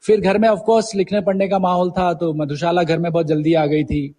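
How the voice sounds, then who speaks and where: A warm, level-toned voice that sits high belongs to a middle-aged man from India speaking at normal speed. He is an interview guest sharing memories and stories, weaving English words into his Hindi.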